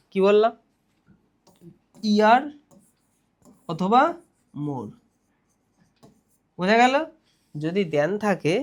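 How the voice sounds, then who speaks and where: A young man with a West Bengal Bengali accent, teaching a grammar lesson for an exam. He keeps asking questions and answering them himself, drawing out the key words. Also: sits high.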